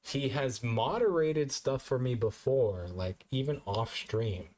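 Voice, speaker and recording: A man's voice: mid-range voice, lively intonation, takes it slowly, darkish tone. A drunk man streaming live, rambling and repeating himself as he chats casually with his viewers.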